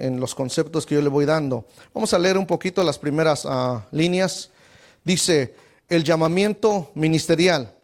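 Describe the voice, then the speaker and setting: A male pastor teaches Scripture in a methodical way. His voice sits high and he moves at a slow, deliberate pace, repeating words as he thinks. He addresses the listeners as brother and punctuates his points with amen. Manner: methodical, spells out word accents and Strong numbers, addresses listeners as brother; frequent amens and repeated stammered words. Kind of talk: Bible teaching lesson.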